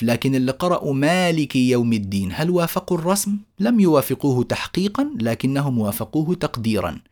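A man teaching Quran recitation in a lecture. He slowly draws out the example words and poses questions to his students before answering them himself. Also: medium pitch, a little mellow. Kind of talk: explanatory lecture.

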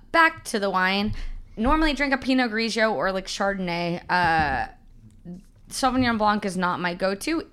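A woman's voice: mid-range voice, sharp tone, clear, resonant tone. Woman, podcast co-host, casual chat, rambling, laid-back.

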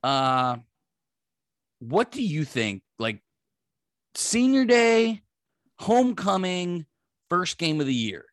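A man's voice: high-pitched, sing-song, slow, long pauses, no room sound, studio quality. A man co-hosting a sports podcast, casually asking quiz-style questions in an upbeat way.

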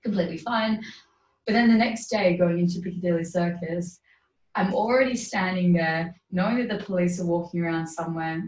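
A woman, a podcast guest, telling a personal story in a casual, earnest, animated way and laughing often. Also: fairly low pitch, brisk, a little hiss or hum. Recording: roomy, distant, dull sound.

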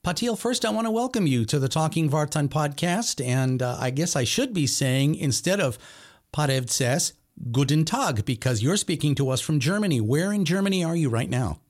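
A middle-aged man hosting a podcast, reading a measured, emphatic introduction and then chatting with his guest. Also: on the high side, expressive. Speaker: podcast host. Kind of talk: scripted intro then conversational interview.

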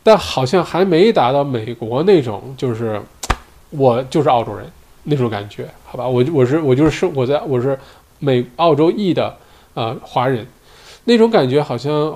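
A man's voice: medium pitch, a little mellow. Chatty man hosting a solo talk show. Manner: chatty, rambling, many fillers and tag questions. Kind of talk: casual commentary monologue.

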